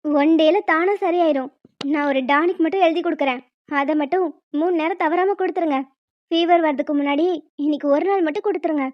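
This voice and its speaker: Brisk no-nonsense cartoon doctor, voiced by a woman. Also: extremely high pitch, dry recording, dull audio. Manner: brisk, no-nonsense, a little teasing. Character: brisk young woman doctor, matter-of-fact. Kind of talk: cartoon voice acting.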